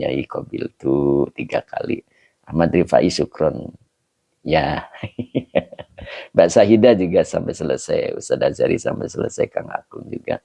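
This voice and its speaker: Closing out his online study session, a male preacher reads viewers' names and comments aloud, joking and laughing in a relaxed, chatty livestream wrap-up while mixing Indonesian, Javanese, Sundanese and Arabic. His deep, gravelly voice has a dark, mellow tone. The sound is dry and close, with no room presence or echo.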